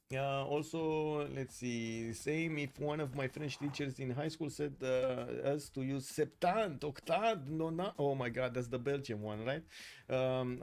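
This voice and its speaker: A man with a medium-pitched, slightly mellow voice casts a strategy game tournament live while streaming. He chats casually with viewers, addressing them by name as he reads chat, and breaks up the play-by-play with plenty of fillers.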